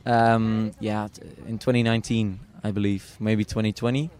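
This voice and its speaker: A young adult man from the Netherlands speaks with a Dutch accent as a guest in a casual interview chat. His lowish, darkish voice is clean, flat and at normal speed, and he is hesitant, full of fillers and restarts, laughing often.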